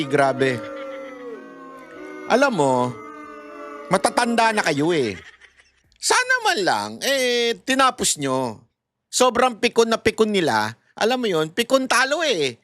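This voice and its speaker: High-voiced man mocking politicians. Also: a bit bright. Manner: mocking, laughs often, addresses viewers as countrymen; mixes English phrases into talk. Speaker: political commentator. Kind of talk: casual political commentary.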